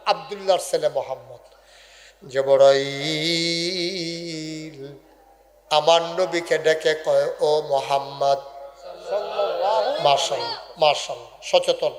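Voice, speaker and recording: A high-voiced male preacher gives a humorous sermon at a large religious gathering. He quizzes and teases the crowd in call-and-response, shouting some words and singing others. His voice rings out through a loudspeaker with a long, trailing reverb. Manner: shouts key words, sings some phrases. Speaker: Islamic preacher.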